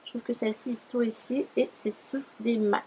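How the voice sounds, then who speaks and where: Chatty young Frenchwoman, fairly high voice. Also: fairly even intonation, fast talker, a little mellow, a little hiss or hum, poor audio. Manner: chatty, rambling with many fillers. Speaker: beauty YouTuber. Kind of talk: casual haul vlog.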